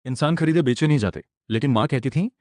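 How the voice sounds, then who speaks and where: Guy doing a shy lonely little girl, halting and hesitant, dry close sound. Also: mid-range voice, darkish tone, dry recording, voice pushed up, lightly acted. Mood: timid pleading. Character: timid, lonely young girl, soft-spoken. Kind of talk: recap narration of a comic.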